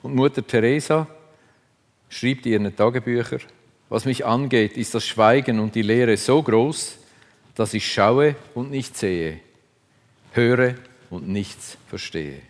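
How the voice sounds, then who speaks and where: A man's voice: mid-range voice, slow pace. A man preaching a sermon, earnest and reflective, speaking in short phrases. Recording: long reverb of a large hall.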